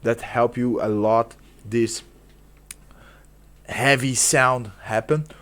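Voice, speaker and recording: Slow-paced man with a bright, forceful voice. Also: mid-range voice, fairly even intonation, a little hiss or hum. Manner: informal, instructional, broken non-native phrasing. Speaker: vocal coach. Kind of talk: casual spoken tutorial with vocal demonstrations.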